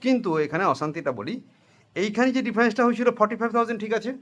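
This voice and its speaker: High-voiced male teacher drilling a class. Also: expressive, rapid-fire, a bit bright. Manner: drills students with repeated questions; mixes in English and Hindi phrases. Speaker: accounting teacher. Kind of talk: classroom lecture with call-and-response.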